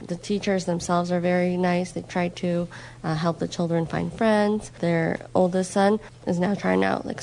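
A woman's voice: on the low side, creaky, a little mellow, a little hiss or hum, rough recording. A woman working as a live interpreter, translating a man's words into English in loose, casual phrasing full of "like" and "um.". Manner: loose conversational phrasing with frequent "like" and "um".

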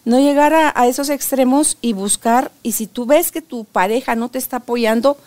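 An older woman tells stories in a lively, emphatic way. Her voice sits fairly high, and she stresses her points with quick asides. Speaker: grandmother sharing relationship advice. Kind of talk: casual interview conversation.

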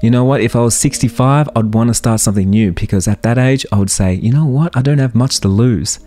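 His voice is medium-pitched and warm, and he talks a little fast with faint music in the background. He's a man in his thirties hosting a solo motivational podcast, earnestly posing rhetorical questions.

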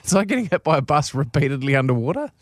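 A man's voice: on the high side, very animated, very fast, no room sound. A man co-hosting a radio show in a casual, blokey, slangy way, chatting and telling stories in a studio. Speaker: radio co-host. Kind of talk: casual radio chat and animated reading aloud of a comic anecdote.

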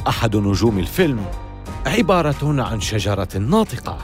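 A man's voice: fairly low pitch, big pitch swings, moderate pace, over music. A man reading scripted documentary narration with a dramatic, storytelling delivery.

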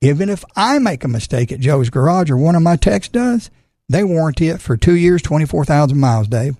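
A man's voice: a little high, expressive, fairly quick, dark tone, no room sound, clean studio sound. A man talking casually about cars on radio as a garage-owner guest, in a folksy, plain-spoken way. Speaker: auto repair shop owner, radio guest. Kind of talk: casual radio talk about car repair.

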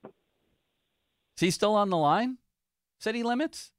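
A man's voice: sits high, animated, clean tone, no echo. A man hosting a sports radio show in the studio, chatting casually with guests and breezing through sponsor tags. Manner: breezy, reads sponsor tags in quick succession.

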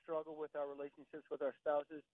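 A man calling in to a radio show over the phone, talking in an earnest, halting way with many restarts. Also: on the high side, completely flat delivery, no echo. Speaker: caller. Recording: tinny phone line.

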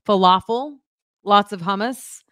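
A woman co-hosting a casual local news show, chatting in an upbeat, animated way. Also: mid-range voice, a little slow, no echo, studio quality.

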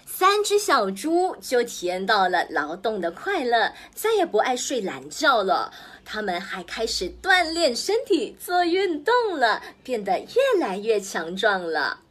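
A woman's voice: on the high side, very animated, a little slow, few pauses. A woman hosting a children's story program, telling a fairy tale playfully and asking listeners questions. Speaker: storyteller host.

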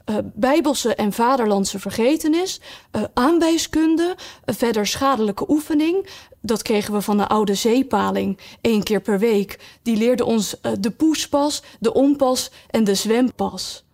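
Sighing sea creature, male, self-pitying, slow and drawn out, raised pitch, as a woman reads him. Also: expressive, darkish tone. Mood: mournful. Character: mournful sighing male Mock Turtle.

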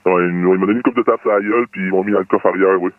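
A man in his thirties with a Quebec French accent and an electronically lowered, disguised voice, haltingly telling his story as an anonymous caller. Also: steady tone, no room sound. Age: 30s. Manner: hesitant, plain storytelling with many fillers. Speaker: anonymous caller confessing a secret. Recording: tinny phone-like line, dry.

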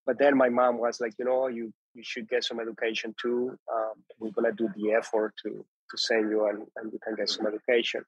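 A man's voice: mid-range voice, completely flat delivery, a little fast, few pauses, slightly rough, dry recording, dull audio. A man from Colombia, speaking English as a second language, who tells his story as a guest in an interview, stopping often to restart and repeat words. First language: Spanish. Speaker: guest, coffee importer. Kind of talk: conversational interview.

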